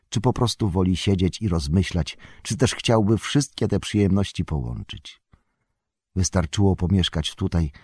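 A man narrates a fantasy audiobook with measured, expressive storytelling. His voice is low and husky, moving in lively pitch swings. The recording is close and completely dry. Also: no echo.

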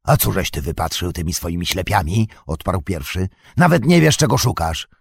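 A man voicing a brutal, threatening male orc soldier in an audiobook reading, with a gravelly, barking delivery. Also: sits low, big pitch swings, normal speed, no echo, clean studio sound, pitched below the performer's own voice, exaggerated voice. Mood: scornful.

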